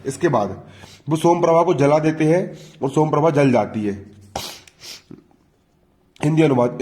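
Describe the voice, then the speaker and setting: A male teacher narrates a lesson summary in a relaxed, chatty manner. His voice sits a little high, and he keeps checking in with his students. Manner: chatty, addresses students as "bhaiya".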